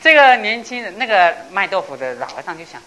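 A woman giving a Buddhist dharma talk, telling a parable with laughs and slowing down to stress key phrases. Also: mid-range voice, low-quality recording. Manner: animated storytelling with laughs, acting out characters. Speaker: Buddhist teacher.

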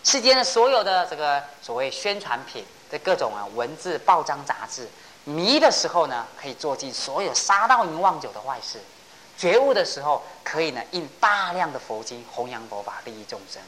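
Brief: low-voiced woman preacher, very expressive pitch, faint hiss. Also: normal speed, poor audio. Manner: animated, rhetorical questions. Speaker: Buddhist dharma teacher. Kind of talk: sermon with storytelling.

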